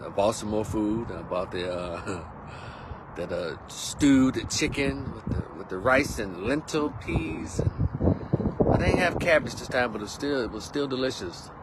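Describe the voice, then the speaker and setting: A man's voice: fairly low pitch, a little slow. Texan man, 50s, vlog host, easygoing rambling chat, outdoors with a light hiss of wind and traffic. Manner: chatty and rambling, laid-back slang. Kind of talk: casual monologue. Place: outdoors on a windy day.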